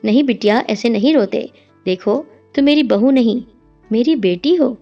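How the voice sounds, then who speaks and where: A woman's voice: a little high, creaky, dull audio. A woman voicing a kind elderly mother-in-law who speaks tenderly and consolingly, over faint music.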